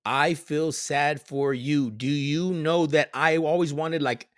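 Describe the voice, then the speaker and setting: A man's voice: on the high side, fairly even intonation, slow pace. A man streamer from San Antonio, Texas, rambling through absurd jokes in casual live stream chat with a straight delivery.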